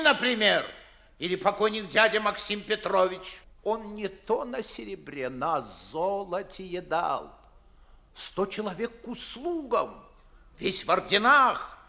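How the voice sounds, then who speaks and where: In 1950s stage-style radio play acting, an older man voices a pompous, fussy aristocratic father and official from Moscow. His high, swooping voice is bright, forceful, and exaggerated, delivered in a theatrical, declamatory way with drawn-out emphatic phrasing.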